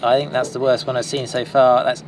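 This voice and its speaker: A sailing vlogger in his thirties, with a medium-pitched and fairly quick voice, casually explains maintenance work on his boat. He's relaxed and practical, talking while he works outdoors on the boat and a marina dock, with outdoor noise behind him.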